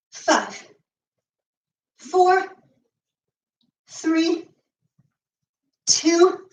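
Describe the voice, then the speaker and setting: A high-voiced woman coaches a home workout while doing the moves herself, short of breath as she counts off reps. She sounds a little far from the mic, in an echoey room. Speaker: fitness coach. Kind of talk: live home workout instruction.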